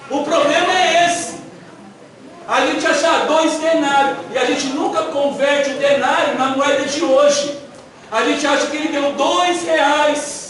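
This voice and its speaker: A man preaching a sermon as a missionary, animated and storytelling, acting out voices from Bible stories. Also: very high voice, unhurried. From Brazil. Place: church hall. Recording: echoey church hall, mic far off, audible noise.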